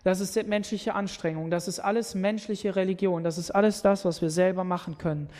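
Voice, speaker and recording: A man's voice: high voice, fairly even intonation, fairly quick, a little mellow. A man preaching a sermon, retelling a scripture story and speaking earnestly, often repeating words as he presses his point.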